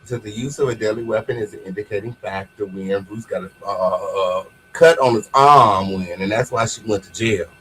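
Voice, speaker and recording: A man's voice: lowish voice, moderate pace, few pauses, pushed and bright, slight background noise, low-quality recording. An American man hosting a casual gossip livestream, talking in a sassy, slangy way and repeating phrases for emphasis. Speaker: host of an online gossip commentary show.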